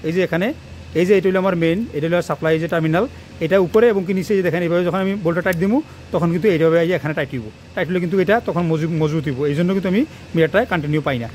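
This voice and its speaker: Male electrician, fast and repetitive on a phone mic, faint noise behind. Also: a little high, steady tone, a little mellow. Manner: fast, rambling, repeats himself while working. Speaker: electrician teaching wiring on his channel. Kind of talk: hands-on tutorial talk to camera. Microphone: phone camera propped nearby.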